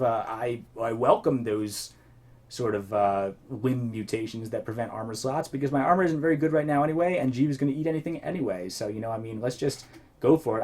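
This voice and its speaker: A let's play host casually narrates his own gameplay, meandering through his thoughts in a mid-range voice with a dark tone. His voice sounds a little tired, as though he's slightly losing it.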